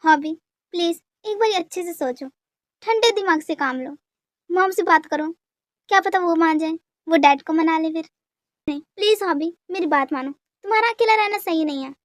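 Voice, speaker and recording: In a fan dub drama, a woman with a very high-pitched voice plays an anxious, caring young woman who is quick to anger and pleads emotionally. She sounds worried, and the studio-quality recording is dry.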